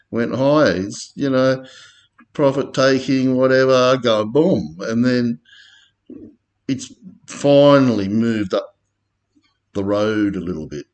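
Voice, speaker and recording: A man with an Australian accent talking casually through market charts, laid-back and slangy, rambling with plenty of fillers. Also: fairly low pitch. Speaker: crypto chart commentator.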